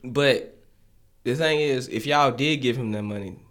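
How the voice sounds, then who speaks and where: A man chatting casually about football, animated, cursing freely and laughing often. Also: mid-range voice, measured pace. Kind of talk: casual sports chat.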